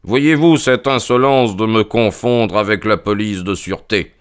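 A man playing a calm, ironic detective in a dramatized reading, unruffled and dry. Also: on the low side, unhurried, clean tone, natural voice. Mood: amused.

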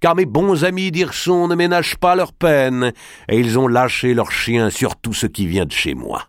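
A man reads an audiobook, voicing a grand, imperious nobleman who speaks in a commanding, declamatory way. The voice is medium in pitch and moderately paced, sounding natural though pitched above his own, with a clean, dry studio sound.

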